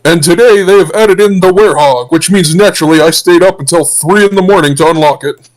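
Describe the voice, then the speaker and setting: A man's voice: sits high, a little fast, rough recording. A man co-hosting a casual livestream chat through a voice changer, talking keenly with frequent restarts. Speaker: co-host.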